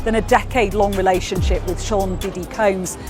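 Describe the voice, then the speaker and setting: A woman's voice: mid-range voice, steady tone, fairly quick. Woman news reporter over music.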